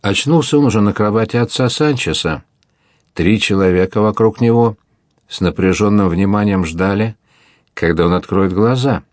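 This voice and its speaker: A man narrating an adventure novel as an audiobook, reading in a measured, dramatic way. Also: fairly low pitch, a little mellow, no echo, clean studio sound. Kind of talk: scripted narration.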